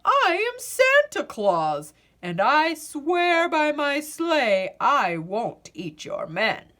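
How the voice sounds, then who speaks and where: A woman voicing a gigantic, jolly, kindly old Santa in a storybook, with a drawn-out, jovial delivery. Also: high-pitched, huge pitch swings, pushed and bright, voice pushed up, heavily acted.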